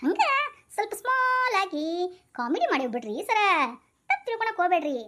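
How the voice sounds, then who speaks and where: A woman's voice: very high voice, big pitch swings, a little fast, bright, forceful tone, voice pushed up, exaggerated voice. A woman playing a chatty, dim-witted male police constable in a comic skit, deferential to his boss, with a North Karnataka Kannada accent.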